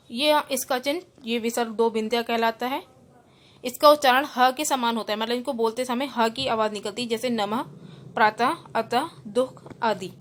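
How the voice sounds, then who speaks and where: A woman school teacher giving an online grammar lesson. She spells words out letter by letter, then repeats each rule in simpler words with English terms mixed in. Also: on the high side.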